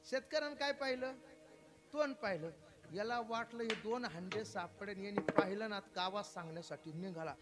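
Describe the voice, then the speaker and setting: A man's voice: sits high, normal speed, music in the background. A man giving a devotional kirtan sermon, telling a story and putting rhetorical questions to his listeners. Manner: animated preaching, asks the crowd rhetorical questions.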